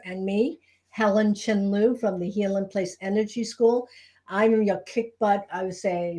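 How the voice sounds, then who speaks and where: Female co-host and Reiki teacher, mid-pitched voice, informal live chat delivery. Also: darkish tone. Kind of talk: casual chat on a live show.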